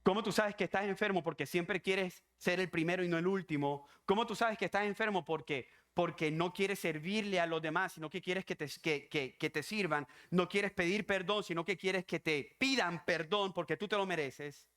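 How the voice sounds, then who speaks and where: A man's voice: high-pitched, normal speed, few pauses, a bit bright. A man preaching a sermon as pastor, emphatic and repetitive, driving home his points with rhetorical questions.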